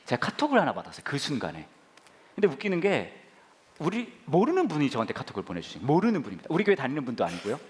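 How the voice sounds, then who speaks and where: A man pastor telling stories in a humorous sermon, playful and animated, acting out others and bursting into shouts. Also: on the high side, fast talker. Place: church sanctuary.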